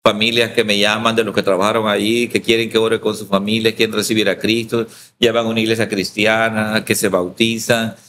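A man's voice: on the low side, level tone, a little fast, a bit bright, slight background noise. A man from El Salvador, a pastor, telling his story in an interview and acting out the quoted dialogue.

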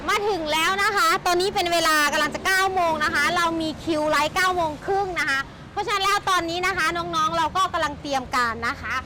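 Very high-pitched woman giving gushing sales patter. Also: quick pace, hardly any pauses. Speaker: motorbike shop sales host and presenter. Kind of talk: chatty sales walkaround vlog. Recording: noisy handheld recording with vehicle sounds.

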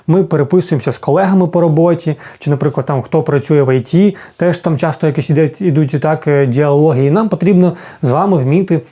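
A man's voice: a little high, warm tone. A man who is an English teacher, explaining a lesson in a casual spoken way, often checking in with the listener and restarting his sentences. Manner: fast-paced, frequent fillers and restarts, checks in with "так?".

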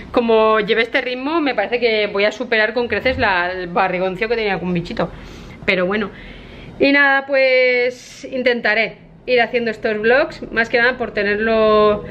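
A woman in her thirties with a Spain Spanish accent talks to camera in a chatty, excitable way. Her casual vlog is recorded as slightly dull home video. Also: mid-range voice, a little hiss or hum. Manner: chatty and excitable, often laughing. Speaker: vlogger.

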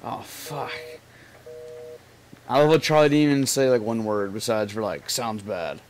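Young guy with a lisp rambling and joking over a game, normal pitch. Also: normal speed, a little mellow. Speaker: let's play commentator. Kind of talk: casual gameplay commentary.

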